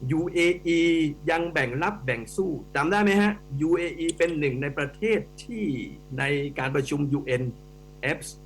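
Animated Thai man explaining on radio. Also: a little high, normal speed. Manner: animated, emphatic explainer who addresses hosts directly. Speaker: economics professor guest. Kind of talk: radio talk show commentary. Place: radio studio. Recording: radio studio with faint mains hum.

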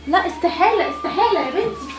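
A woman's voice: very high voice, animated, quick pace. An Egyptian woman vlogger staging a prank, talking in a dramatic, tearful, accusing tone. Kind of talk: staged prank phone call and argument. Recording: echoey room with music behind.

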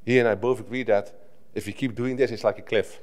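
Middle-aged Dutch man, slightly low voice, chatty conference talk at a lectern mic, restarts a lot. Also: fairly even intonation, fast talker, a little mellow. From Netherlands. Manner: conversational, with frequent restarts and filler "right?". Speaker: conference speaker. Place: conference hall stage at a lectern. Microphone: lectern microphone.

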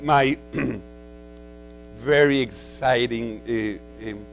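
A man's voice: mid-range voice, drawn-out words, vocal fry, faint music behind, low-quality recording. A man from Peru with a Spanish accent giving a conversational conference lecture, full of "you know" and repeated words.

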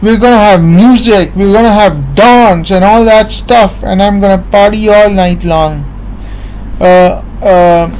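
A Pakistani man in his late twenties, a vlogger, chats unhurriedly to his webcam from an armchair in a small room at home, rambling and repeating with many fillers. His voice is high yet darkish in tone. The built-in webcam mic is close, and the low-quality audio has a little hiss or hum.

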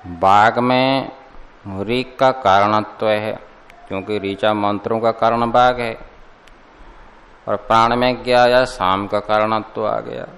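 Slow-speaking man teaching scripture in a hall. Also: on the low side, steady tone, a bit bright. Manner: slow, deliberate explaining with rhetorical questions to students. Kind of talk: classroom commentary lecture. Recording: long hall reverb.

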